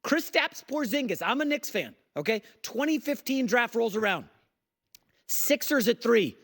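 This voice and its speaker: A male sports radio host on a fired-up, sarcastic rant from the studio. His voice sits high and swoops around a lot. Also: big pitch swings, normal speed, vocal fry, fairly bright tone. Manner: worked up and sarcastic. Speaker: fill-in sports talk host.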